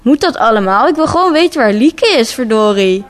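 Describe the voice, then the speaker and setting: A woman's voice: on the high side, sing-song, a little fast. A woman voicing a worried, stubborn teenage girl who talks urgently. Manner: urgent, insistent.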